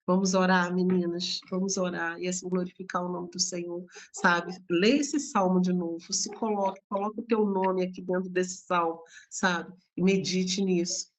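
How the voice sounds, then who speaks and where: Low, steady-voiced woman leading prayer. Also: normal speed, hardly any pauses. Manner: earnest, prayerful exhortation. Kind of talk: devotional encouragement.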